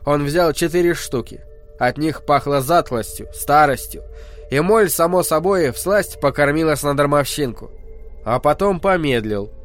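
A man's voice: a little high, animated, a little slow, soft background music. Man narrating an audiobook. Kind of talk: scripted narration.

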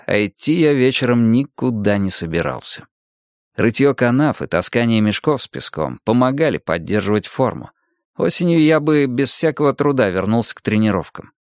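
Male audiobook narrator, measured reading, lively intonation, dry close sound. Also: mid-range voice, clear, resonant tone, no room sound.

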